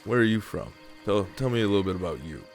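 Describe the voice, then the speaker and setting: Man playing a self-righteous, low-voiced interrogator. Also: very animated, fast, soft background music. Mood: probing. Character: cocky zealous male captor questioning his prisoners.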